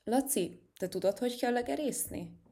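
A woman's voice: a little high, creaky, husky, voice pushed up, heavily acted. A woman voicing an eager, curious little girl cat in a children's storybook. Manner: excited, eager.

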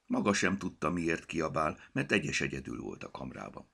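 Deep, gravelly storybook narrator. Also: male voice. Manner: expressive, animated reading. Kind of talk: storybook reading.

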